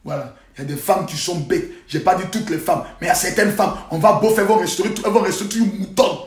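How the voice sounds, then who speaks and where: Man, high-pitched, preachy live-stream scold, phone mic in an echoey room. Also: quick pace. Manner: preachy, scolding rants with loud outbursts and sudden quiet asides. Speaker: livestream host. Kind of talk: live social-media monologue. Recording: roomy echo.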